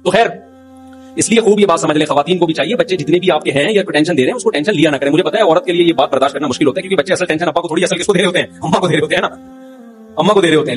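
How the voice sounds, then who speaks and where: A middle-aged male cleric delivers an informal religious talk at a quick clip, his voice sitting high. He tells funny anecdotes and chuckles through them, with faint music underneath. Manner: humorous, anecdotal, chuckles while telling stories. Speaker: Islamic cleric giving a talk.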